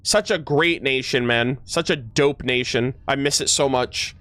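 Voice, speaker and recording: His voice sits in the mid range, bright and forceful, and he speaks unhurriedly on a dry recording. This male streamer reacts to a video game with casual, enthusiastic, slangy commentary, often stumbling verbally and reading game text aloud.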